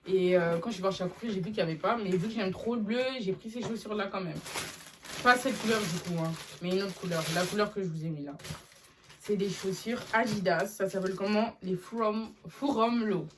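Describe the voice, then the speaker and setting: A young woman chatting casually in a vlog, animated and slangy as she talks to her viewers. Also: medium pitch, a little fast, recorded from a distance, background noise. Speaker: vlogger. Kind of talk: casual haul video chat.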